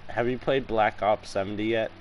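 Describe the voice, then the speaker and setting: A goofy young-sounding gamer talking casually while he plays, full of jokes and slang. His voice sits fairly low, with a faint hum of noise behind it. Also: fairly even intonation, moderate pace, lo-fi sound. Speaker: gaming channel host. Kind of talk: casual gaming chat.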